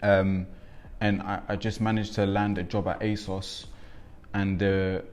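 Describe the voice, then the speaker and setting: A man's voice: deep voice, little pitch movement, a little slow, a little mellow, a little hiss or hum. A man in his twenties, born in Congo and raised in England, speaking reflectively with frequent ums in a documentary interview. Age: 20s. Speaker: interviewee, young father.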